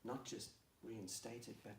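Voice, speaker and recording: A man preacher retelling a Bible story in the first person, animated and lively. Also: slow pace, a little hiss or hum. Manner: animated, rises to excited high pitch when tense. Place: church hall. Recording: roomy hall, mic at a distance.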